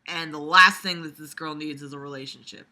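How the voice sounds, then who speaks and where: This young adult woman speaks in a low, steady voice, a little fast, with a bright and forceful tone. She's stretched out on a bed in a small bedroom, reading fiction aloud and peppering it with tired, exasperated sarcasm and plenty of profanity.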